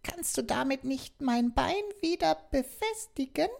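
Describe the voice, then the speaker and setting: A man's voice: lively intonation, a little slow, vocal fry, heavily acted. A man voicing a small, cheerful talking doll who is a girl robot, in a children's story. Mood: curious. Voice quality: very high, squeaky.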